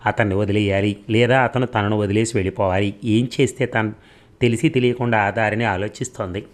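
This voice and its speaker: A middle-aged man narrates a story in a low voice. His reading is steady and measured, and he gives the characters' lines their own turn without breaking the flow. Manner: steady reading, voicing dialogue of both lovers.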